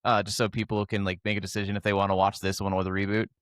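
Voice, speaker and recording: A man's voice: lowish voice, level tone, racing, a bit bright, clear, resonant tone, no echo, clean studio sound. A man co-hosting a film review podcast, chatting in an easygoing, hesitant way with some laughter. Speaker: podcast co-host. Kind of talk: casual chat.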